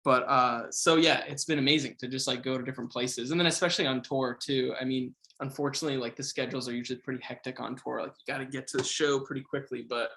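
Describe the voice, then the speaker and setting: A man's voice: mid-range voice, fairly even intonation, fast talker, hardly any pauses, pushed and bright. A young man, a musician guest, talking in an enthusiastic, gushing way with lots of "like". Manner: enthusiastic, gushing, heavy use of "like". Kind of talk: casual interview chat.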